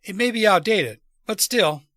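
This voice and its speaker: An earnest male revolutionary read by a man lays things out deliberately. The voice is bright and a little high for a man. It is a storybook character, recorded very dry. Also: animated, no echo. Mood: persuasive. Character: earnest male revolutionary plotter persuading wary allies.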